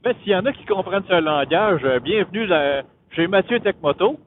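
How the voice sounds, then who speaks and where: Riding outdoors on his motorcycle, a man with a high voice and lively intonation hosts his own motovlog channel, explaining tech in a casual, halting way as he thinks aloud in a Quebec French accent. The Bluetooth helmet intercom makes him sound muffled and phone-like over the riding noise.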